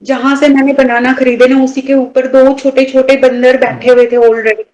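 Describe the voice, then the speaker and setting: A woman's voice: high voice, flat delivery, normal speed, darkish tone, rough recording. A woman telling a personal story in casual conversation, rambling and restarting as she goes and often addressing the listener as brother. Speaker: devotee guest sharing a personal story.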